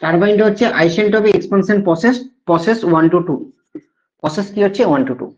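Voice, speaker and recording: A man's voice: high-pitched, fast talker. A male teacher with a Bengali accent giving a classroom lecture, repeating key points and often checking that students follow. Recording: dull lo-fi sound.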